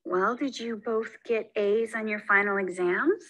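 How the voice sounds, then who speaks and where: A woman's voice: medium pitch, a little slow, pushed and bright. An actress playing a mild, agreeable mother in a comedy skit who gives in easily. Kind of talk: scripted comedy skit acting.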